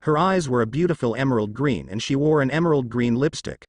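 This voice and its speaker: A man reading fan fiction aloud, describing scenes in detail. His pitch rises and falls in a lively way, in the middle range for a man. The recording is dry and close to the mic. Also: fast talker, no echo. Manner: descriptive, storytelling. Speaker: narrator.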